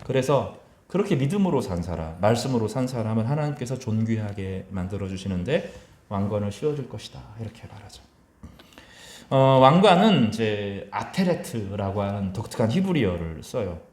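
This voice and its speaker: A man, a pastor, preaching a sermon in a church, acting out quotes in lively voices and dropping to soft asides. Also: moderate pace, echoey room, slight background noise. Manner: animated, acts out mocking voices and quotes; mixes loud rising quotes with soft low asides. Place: church sanctuary.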